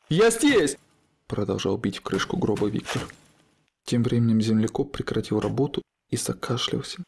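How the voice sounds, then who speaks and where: A man reading a scripted horror story in a measured, dramatic way. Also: medium pitch, a little mellow, breathy edge.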